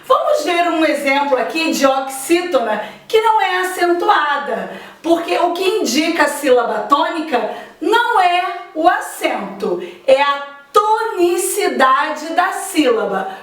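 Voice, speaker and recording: Slow woman teacher, echoey room. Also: very high-pitched, very animated, a bit bright, recorded from a distance. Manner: slow, deliberate, stretches example words. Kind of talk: grammar lesson.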